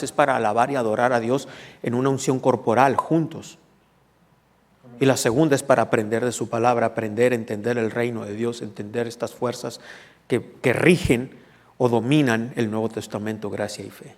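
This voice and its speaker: A man's voice: mid-range voice, moderate pace. A man preaching a teaching sermon. He explains scripture and keeps checking in with the congregation. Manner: teaching, asks the congregation questions. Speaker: pastor. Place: church hall. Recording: long reverb of a church hall.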